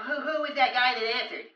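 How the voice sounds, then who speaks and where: An actor playing a frantic, rambling man warning of danger in an audio drama. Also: very high-pitched. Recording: lo-fi, roomy.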